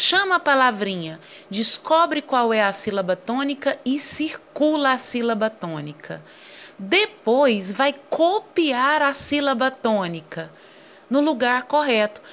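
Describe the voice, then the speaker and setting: Brazilian schoolteacher walking kids through a worksheet, unhurried and careful, light noise behind. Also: female voice, mid-range voice, a bit bright. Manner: slow, careful, stretching key words for young pupils. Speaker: teacher. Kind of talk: reading out and explaining worksheet exercises.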